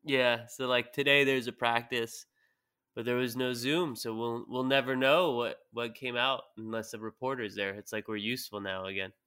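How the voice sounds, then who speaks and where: A man's voice: mid-range voice, steady tone, normal speed, pushed and bright, clean tone. A man who is a sports reporter, talking as a guest on a casual sports podcast, playful and teasing and laughing often.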